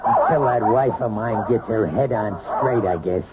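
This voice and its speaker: An actor playing an overbearing, curt husband in an old radio drama. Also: male voice, lowish voice, normal speed, lightly acted. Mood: domineering. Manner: curt, domineering. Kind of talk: 1970s radio drama acting. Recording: dull old radio broadcast with faint hiss.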